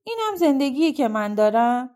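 A woman's voice: sits high, very animated, darkish tone. A woman reading a storybook, voicing a bewildered man who mutters to himself and stammers when confused. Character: bewildered man waking from long sleep.

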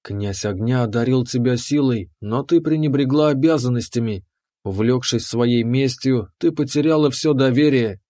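A man voicing a devoted female lava dungeon keeper who speaks in a low, soft, purring, obedient way. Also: normal speed, dry recording, studio quality, natural voice. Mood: proud. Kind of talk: audiobook character voice.

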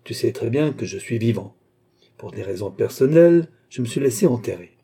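A frightened man who has been buried alive, voiced by a male reader, pleading and indignant in a dark, husky voice. The reading stays close to the reader's own voice. It is a grim storybook tale told aloud. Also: mid-range voice, animated, fairly quick.

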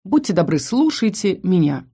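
Brief: woman reading as curt male demon dean, low mellow voice, commanding. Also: very animated, normal speed, slightly rough, heavily acted. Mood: gruff.

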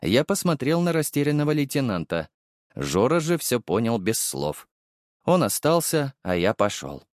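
A man narrating a first-person audiobook with expressive, wry storytelling. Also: medium pitch, moderate pace, no room sound, studio quality.

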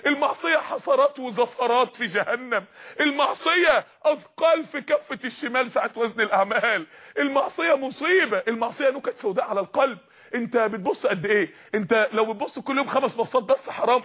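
High, husky Egyptian man preaching passionately. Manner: impassioned, pleading, at times shouting. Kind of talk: sermon to young people.

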